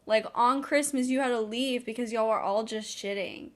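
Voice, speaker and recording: A young woman from North Dakota with a somewhat high voice co-hosts a podcast over a video call. She reads out listener messages in a casual chat and jokes crudely, laughing often. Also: normal speed. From North Dakota, United States. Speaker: podcast co-host.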